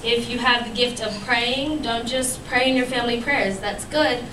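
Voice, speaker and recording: A young youth speaker gives an earnest church devotional to a fellowship, with many ums and restarts, her voice still worn as she recovers from losing it. It's a little high, fairly even and moderately paced, recorded noisily on a distant mic in an echoey room.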